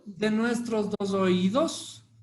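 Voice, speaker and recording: A man's voice: sits high, steady tone, drawn-out words. A man teaching a live Bible study class, constantly quizzing his listeners with rhetorical questions. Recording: echoey room with faint noise.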